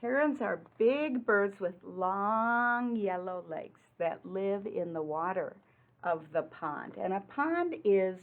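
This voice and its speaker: A slightly high-voiced teacher reads a picture book to young children, pausing to explain and ask lots of simple questions. She gives the rhymes deliberate emphasis, and the sound is muffled, as if over a phone.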